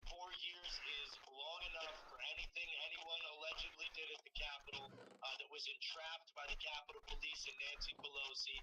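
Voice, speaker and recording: Fervent man on a noisy call line. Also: on the high side. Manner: fervent, impassioned. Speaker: guest on a live stream. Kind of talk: rallying appeal.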